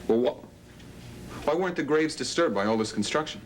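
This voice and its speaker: A man's voice: fairly high pitch, lively intonation, a little fast, a little hiss or hum, close to an everyday voice. A man playing an investigator, asking a client probing questions and reassuring him in a TV drama.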